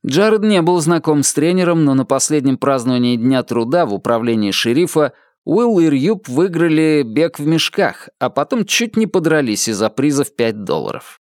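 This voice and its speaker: Male audiobook narrator, lively swooping intonation, expressive storytelling, dry close recording. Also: on the high side, normal speed, hardly any pauses, no echo.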